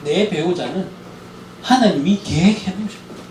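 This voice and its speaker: A man's voice: sits high, a little fast, reverberant, far from the mic, slight background noise, low-quality recording. A man giving a church lecture on marriage and parenting, telling stories and acting out the dialogue. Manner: animated storytelling, acting out quoted dialogue.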